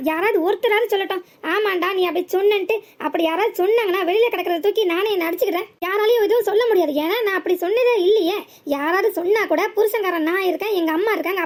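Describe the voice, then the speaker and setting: A performer voicing a blunt, exasperated village husband in a cartoon, with a southern Tamil Nadu accent and a scolding, lecturing manner. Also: extremely high pitch. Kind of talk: cartoon voice acting.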